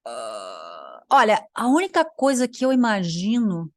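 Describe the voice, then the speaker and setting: A woman's voice: mid-range voice, wildly swooping pitch, unhurried, no room sound, studio quality. A young Brazilian woman, a language teacher, giving sarcastic reaction commentary while thinking aloud and trailing off into mutters. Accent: Brazilian Portuguese.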